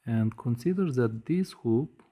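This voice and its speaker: Slow, deep-toned man lecturing. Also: lively intonation, mellow. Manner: slow, measured, frequent hesitations with uh. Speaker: physics lecturer. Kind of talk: whiteboard lecture.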